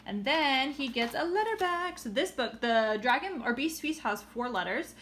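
A woman's voice: high voice, expressive, normal speed, a bit bright, slight background noise. A young woman showing children's books in a casual way, chatty, and playfully reading lines aloud. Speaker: children's book seller. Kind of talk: casual book showcase. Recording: roomy echo.

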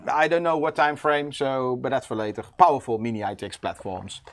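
A man's voice: medium pitch, expressive, a little fast. A man co-hosting a casual product livestream, joking and laughing often. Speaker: co-host.

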